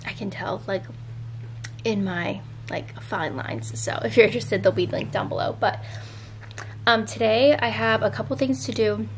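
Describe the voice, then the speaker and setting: In a casual vlog recorded at the family home, a young woman who stays home with her kids talks to camera in a bubbly way, dropping lots of fillers. She has a mid-range voice with fairly even intonation and normal speed, and there's slight background noise.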